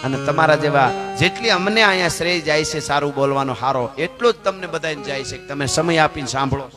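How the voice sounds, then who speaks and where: High-voiced storyteller man. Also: a little fast. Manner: dramatic, emphatic, slips into characters' voices and chanted verse. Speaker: folk storyteller and dayro performer. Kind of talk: live folk storytelling with sung verses. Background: accompanying music.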